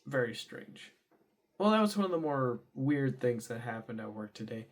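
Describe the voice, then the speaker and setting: A young man talking casually in a diary vlog, rambling with many fillers and restarts, sometimes bursting into loud high exclamations. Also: very animated, normal speed. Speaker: vlogger.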